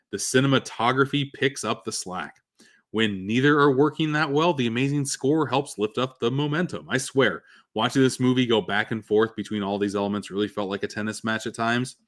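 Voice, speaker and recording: A middle-aged man ranking movies in casual commentary, lifting his voice sharply to announce each number. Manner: animated, jumps up in pitch when announcing numbers. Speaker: movie reviewer.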